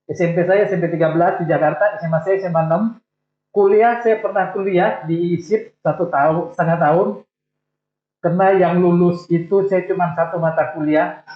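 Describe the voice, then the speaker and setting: An older man in his sixties tells his life story in a loose, self-mocking way. His voice sits a little high for a man. It comes through thin and phone-like, with echo from the room. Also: a little fast. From Indonesia. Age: 60s. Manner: relaxed storytelling with light self-deprecating jokes. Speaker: guest. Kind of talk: casual interview chat. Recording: echoey room, tinny phone-like sound.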